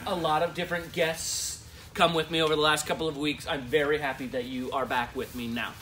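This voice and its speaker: Male host, relaxed sidekick energy, bright, raised pitch. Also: fairly quick, slight background noise. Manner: echoes his partner's words, easygoing. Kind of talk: casual live-stream chat.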